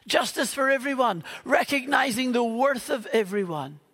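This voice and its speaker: A very high-pitched, expressive and slightly bright male voice, moderately paced, rings out with a big-room sound. The speaker, a pastor from Northern Ireland with the accent to match, gives an earnest Christmas Eve sermon in a church auditorium, mixing in playful humor.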